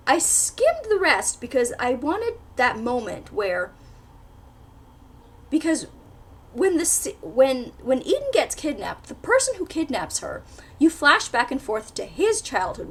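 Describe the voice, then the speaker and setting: A woman's voice: high-pitched, wildly swooping pitch, slow, fairly bright tone, slightly rough. A woman book vlogger in casual chat, retelling a plot animatedly with lots of fillers.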